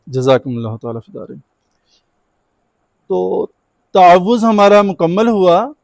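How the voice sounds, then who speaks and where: A man teaching Quran recitation in an online class, firmly correcting students and drawing out the recited words slowly. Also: high voice, darkish tone, dry recording.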